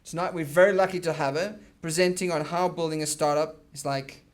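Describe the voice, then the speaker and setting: A man's voice: fairly high pitch, steady tone, fairly quick. A man with a South African accent, the event host, reading a formal introduction of a guest speaker on stage. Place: event stage before an audience.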